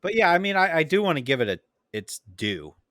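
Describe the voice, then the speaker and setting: A man co-hosting a podcast in casual chat, easygoing and quick to agree. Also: on the high side, big pitch swings, a bit bright, dry recording, clean studio sound. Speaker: podcast co-host.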